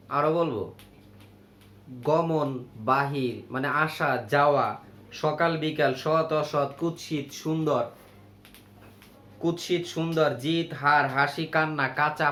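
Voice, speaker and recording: Male teacher, slightly high voice, patient word-by-word grammar lesson, echoey room recording. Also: a bit bright. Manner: explains slowly, lists words, checks with "ok?". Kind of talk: grammar lesson for young pupils. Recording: echoey room with faint ambience.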